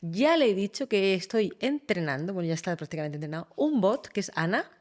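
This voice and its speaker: Expressive woman, podcast host. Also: medium pitch, fairly quick. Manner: expressive, animated storytelling. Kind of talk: casual podcast conversation.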